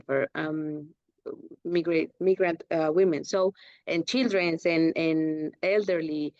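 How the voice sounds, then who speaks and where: Young woman, low voice, dull dry video-call sound, halting phrasing. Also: a little mellow, no echo. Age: young adult. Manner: searching for words, restarts, fillers. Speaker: webinar participant.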